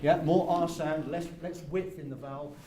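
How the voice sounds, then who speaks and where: A man's voice: a little high, steady tone, moderate pace, crowd noise. A man coaching a chorus in rehearsal, giving exacting, terse instructions in clipped phrases. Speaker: chorus director coaching singers. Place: large echoey rehearsal space. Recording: echoey hall, distant, singing behind.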